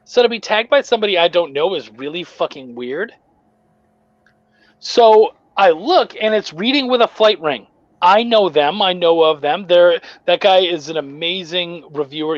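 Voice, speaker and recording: A man's voice: high voice, normal speed, no echo, muffled recording. A man, a comic book writer guesting on a podcast, telling a story in casual chat with lots of swearing and restarts. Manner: profane, rambling, animated retelling with restarts.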